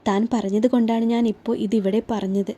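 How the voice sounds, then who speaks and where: A young policeman in love speaks in quiet, gentle questions, as a woman reader takes his part. The voice is mellow and warm, never raised, with the easy pace of a storybook telling. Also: fairly high pitch, flat delivery, brisk, husky. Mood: tender.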